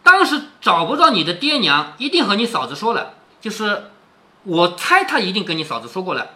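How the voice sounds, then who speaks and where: A man's voice: high voice, huge pitch swings, fairly quick, pushed and bright, heavily acted. A man voicing teasing young maids who pretend not to know, read aloud from a classic novel, in a playful, breezy way. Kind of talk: storybook reading aloud.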